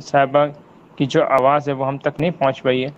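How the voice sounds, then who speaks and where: A man hosting an online literary forum, polite and formal, pausing often with fillers. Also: mid-range voice, flat delivery, highs cut off, slight background noise. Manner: hesitant, polite, many fillers.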